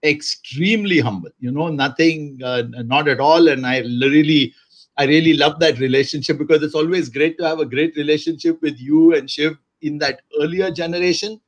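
A man's voice: a little high, moderate pace. An older man from India, telling his life story as a guest on a video call, full of fillers and restarts. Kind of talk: casual conversation on a video call. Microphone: video call webcam.

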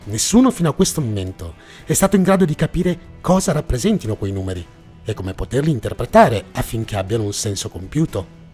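Very animated and a little fast, a man with a slightly mellow, medium-pitched voice narrates a scripted mystery documentary as the series host. He tells it in a suspenseful, dramatic manner over background music.

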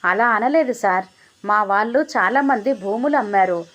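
A woman's voice: medium pitch, normal speed, a bit bright, lightly acted. A woman voicing a scheming widowed mother-in-law who talks in a wheedling, evasive way.

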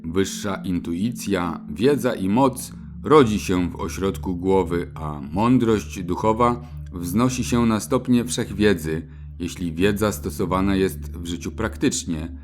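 A man with a lowish voice delivers a slow, measured spiritual lesson. His narration is solemn and deliberate, carried over a faint bed of music. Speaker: spiritual teacher. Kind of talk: scripted narration on chakras.

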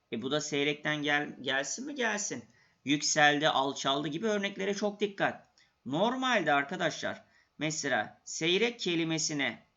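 A man teaching an exam-prep grammar lesson with a bright, forceful voice that sits a little high. He keeps asking questions and answering them himself, stressing the points again and again. The recording sounds slightly dull and lo-fi.

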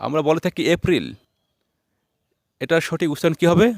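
A male teacher runs a pronunciation lesson. He quizzes someone and then repeats each word twice. His voice sits a bit high and is recorded dry and close. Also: steady tone, very fast, vocal fry, a little mellow, no echo. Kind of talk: classroom-style pronunciation lesson.

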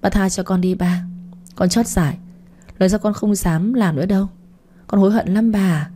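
A woman's voice: mid-range voice, steady tone, moderate pace, dark tone, soft background music, lightly acted. A woman narrator voicing a spoiled young daughter who confesses and begs forgiveness in an audio story. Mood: tearful. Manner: apologetic, tearful. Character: spoiled young adult daughter, remorseful and tearful. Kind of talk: audiobook reading.

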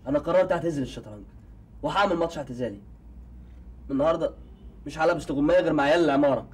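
A man's voice: fairly high pitch, racing, a little mellow, slightly rough, far from the mic. An actor playing a sulky son who defiantly announces he is quitting chess in a TV comedy.

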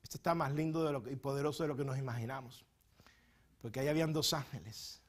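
A man preaching a sermon as pastor in a church, moving between quiet teaching asides and loud, fervent bursts, often stumbling and repeating words. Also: fairly even intonation, quick pace. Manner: swings from soft, low teaching asides to loud, high impassioned preaching.

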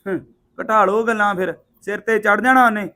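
A man's voice: sits high, steady tone, moderate pace, pushed and bright. An actor playing a defiant, hot-tempered young man with a Punjabi accent, arguing with his mother. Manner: defiant, sulky, angry. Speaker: son.

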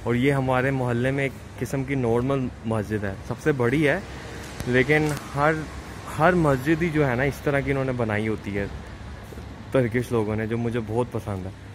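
With a mid-range voice and fairly even intonation, a Pakistani man vlogs a casual walking tour of a large mosque at a moderate pace, dropping English phrases into his talk. He films with a handheld camera, and there's music behind him along with background noise.

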